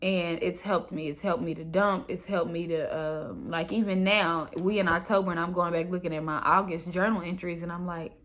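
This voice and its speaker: Woman, American accent, low voice, expressive, slangy, casual journal-reading vlog. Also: normal speed, few pauses. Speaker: vlogger.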